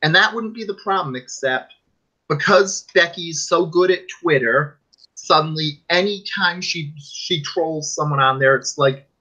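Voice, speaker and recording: On a casual wrestling podcast, a male co-host rambles and argues his case, mimicking fans in quotes. His voice is on the high side with a sharp tone, and he speaks a little slowly. The audio is dull and lo-fi.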